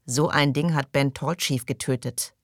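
A woman reading an audiobook, voicing a stern, grim grown man who speaks curtly and gravely. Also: very deep voice, steady tone, normal speed, dry recording, studio quality.

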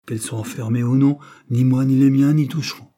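A man's voice: medium pitch, a little fast, warm tone, breathy edge, pitched above the performer's own voice, close to an everyday voice. A man reading aloud voices a timid, polite young mother renting out rooms in a storybook. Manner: anxious, polite, eager to please.

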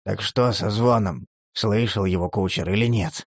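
A man voicing a wary, bewildered homeless man in a horror audiobook, speaking in a low, subdued, hesitant way. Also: steady tone, moderate pace, no echo, clean studio sound.

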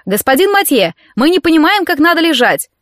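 A woman reading an audiobook, voicing a mocking, sharp-tongued male necromancer teacher. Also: a little high, animated, normal speed, dry recording, clean studio sound, lightly acted. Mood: scolding.

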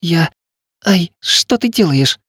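A man's voice: a little high, expressive, slow, slightly rough, dry recording, studio quality, voice pushed up, exaggerated voice. A man voicing a proud, hot-headed teenage son of a chief, crying and whining indignantly. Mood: pained. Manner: whiny, indignant, shouting.

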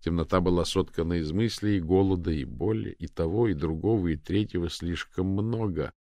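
A man reading an audiobook in measured scripted narration. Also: low voice, mellow, no room sound. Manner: measured, storytelling.

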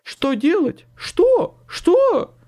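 A jumpy young man squeals in fright and keeps repeating his words, as a male narrator plays him. His voice shoots up high and swings wildly. He is a frightened figure in a spoken audiobook. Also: big pitch swings, drawn-out words, mellow, exaggerated voice. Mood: panicked. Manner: squeals and repeats himself in panic. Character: panicky, jittery young man, easily frightened.

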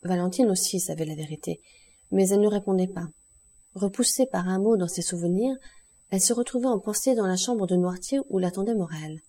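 A woman narrates a classic novel in a measured, steady audiobook reading. Her voice is dark and mellow. It carries a soft husky texture. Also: mid-range voice.

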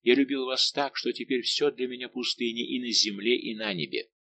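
A man's voice: mid-range voice, brisk, creaky, sharp tone, no room sound. Brief: a male narrator voicing a proud heartbroken nobleman, impassioned and grave. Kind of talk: audiobook dialogue reading.

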